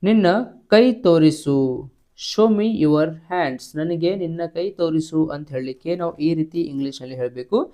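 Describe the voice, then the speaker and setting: A man teaching spoken English, saying each phrase twice, slowly and clearly. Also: fairly high pitch, warm tone. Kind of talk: slow, drilled spoken-English lesson.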